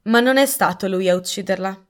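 A woman reading aloud and voicing a shrewd, gentle elderly spinster who speaks in a calm, measured way. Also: medium pitch, close to an everyday voice.

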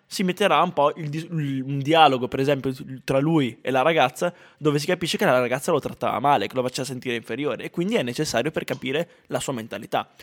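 A man's voice: medium pitch, quick pace, hardly any pauses. A man co-hosting a casual film review chat, explaining in long rambling sentences with frequent restarts.

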